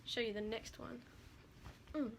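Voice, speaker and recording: Young woman rambling thru a haul vid, kinda high voice, lots of likes, giggly, hissy noisy recording. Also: steady tone, a little slow, creaky. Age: young adult. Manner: rambling, chatty, lots of "like" fillers; giggly, self-deprecating. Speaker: vlogger. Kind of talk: casual chat haul video.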